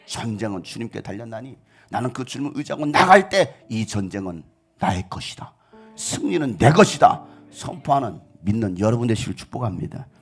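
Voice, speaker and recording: Animated gravelly-voiced male pastor preaching. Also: lowish voice, brisk. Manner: animated, shifts between shouting and hushed asides. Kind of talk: storytelling sermon.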